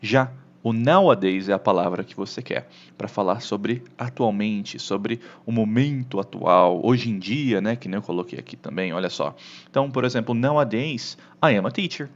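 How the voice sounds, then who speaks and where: A man with a Brazilian Portuguese accent teaching an English lesson online, animated, often checking in with the listener. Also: lowish voice, moderate pace, highs cut off.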